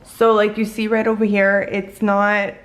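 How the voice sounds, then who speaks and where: A young woman in her twenties talks casually to her camera at home, her voice still soft with morning grogginess. She rambles freely, leaning on "like" and quick asides. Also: mid-range voice, completely flat delivery. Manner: chatty, filler-heavy with many "like"s. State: morning voice, just woke up. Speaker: vlogger. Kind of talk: casual vlog chat. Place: her apartment, indoors.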